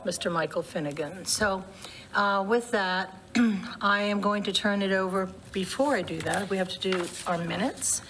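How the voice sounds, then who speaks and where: A woman chairing a public committee meeting, relaxed and chatty, with a voice she says she is losing. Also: mid-range voice, normal speed. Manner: warm, loose, laughs between remarks. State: losing her voice.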